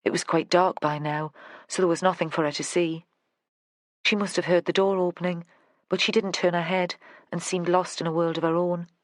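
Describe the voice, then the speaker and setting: Brief: even, unhurried crime-novel narrator, close mic, dead-dry sound. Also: medium pitch, no echo. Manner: steady, even storytelling. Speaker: audiobook narrator. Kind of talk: scripted narration.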